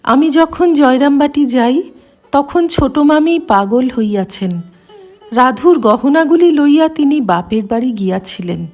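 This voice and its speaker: A woman reading a devotional memoir aloud in a measured, reverent way. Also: sits high, expressive, a little mellow. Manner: measured, reverent reading in formal literary prose. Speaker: reader.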